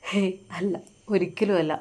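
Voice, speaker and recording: A heartbroken young husband in his twenties, put on by a woman storyteller. He pleads in a soft, hushed voice, close to sobbing, with a middle pitch. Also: steady tone, normal speed, lightly acted. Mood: pleading, grieving. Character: young man, 23, desperate lover.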